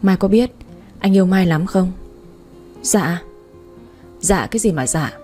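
A woman reading the part of a drunk young husband, speaking in a slow, drawn-out, whiny slur. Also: fairly low pitch, expressive, warm tone, soft background music. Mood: drunk tender. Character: drunk young husband, slurring, clingy and tender.

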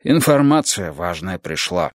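A guarded KGB chairman, as a male reader puts him on, speaking low and quiet, his mind elsewhere. The reading is close and dry, with the pitch dropped beneath the narrator's own. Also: big pitch swings, a little slow, no echo. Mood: preoccupied. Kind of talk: audiobook reading.

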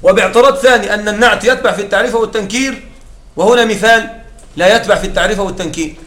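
High-voiced man lecturing in an echoey room. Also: rapid-fire, a bit bright. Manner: explains step by step, often asks the class to confirm. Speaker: Arabic grammar teacher. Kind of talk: classroom lecture. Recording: echoey room, far from the mic.

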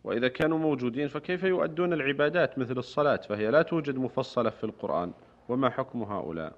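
A male radio presenter speaks formal Standard Arabic at a very rapid clip. He reads questions and announcements with deferential, scripted politeness. His voice sits at a middling pitch, and the recording is dull and lo-fi. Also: animated. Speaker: radio programme host. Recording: dull, band-limited radio broadcast.

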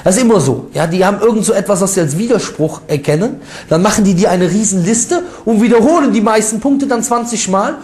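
A man's voice: high voice, animated, fast talker, hardly any pauses, a little mellow, echoey room. A man giving an informal religious lecture as an Islamic preacher, talking colloquially and emphatically, with rhetorical questions and mocking asides.

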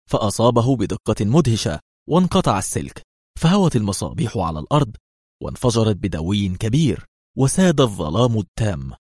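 Male audiobook narrator, low voice with lively pitch, dry close sound. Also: slightly rough, no room sound. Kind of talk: scripted narration.

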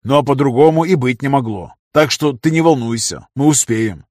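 A man voicing a pompous, hot-tempered senior adviser to an emperor who bosses people around and flies into loud rages. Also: medium pitch, animated, normal speed, dry recording, studio quality, natural voice. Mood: friendly. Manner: shouting, bossy, easily outraged.

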